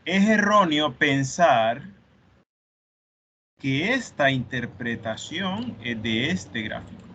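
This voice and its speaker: Male teacher, mid pitch, patient step-by-step explainer, slightly dull lo-fi call audio. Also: a bit bright, slight background noise. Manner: explanatory, checks understanding with frequent "¿ok?". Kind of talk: online class lecture.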